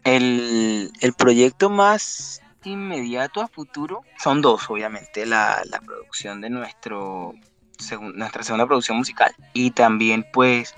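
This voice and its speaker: A man's voice: mid-range voice, measured pace, fairly bright tone, faint music behind. A man from Colombia answering radio interview questions about his songs, telling stories reflectively with frequent restarts. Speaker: musician guest.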